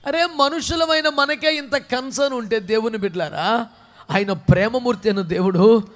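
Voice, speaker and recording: A male pastor preaching a sermon with passion, dropping to a hush and then rising to a shout, with many questions aimed at the congregation. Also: very high-pitched, moderate pace. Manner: impassioned preaching, swinging from hushed to shouting.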